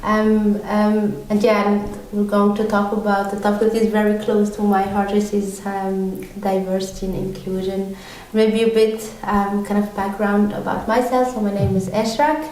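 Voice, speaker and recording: A woman from Tunisia speaks as a podcast guest with a mellow, dark tone, pausing often on ums and restarting her sentences. She sounds set back from the microphone in a very echoey room. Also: medium pitch, flat delivery. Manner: hesitant, many ums and restarts. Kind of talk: conversational interview answers. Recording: very echoey room, mic far off.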